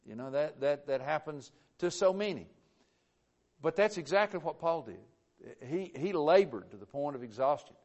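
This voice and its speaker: A man preaching a sermon, earnest and emphatic, with frequent halting restarts. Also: fairly high pitch, animated, a little mellow, lo-fi sound.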